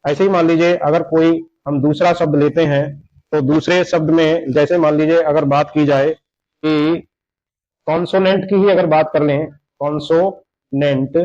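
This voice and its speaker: Male teacher, slightly high voice, patient explainer, lo-fi mic. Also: darkish tone. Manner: slow, explanatory, repeats examples. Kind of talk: Hindi grammar lesson lecture. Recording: dull lo-fi sound.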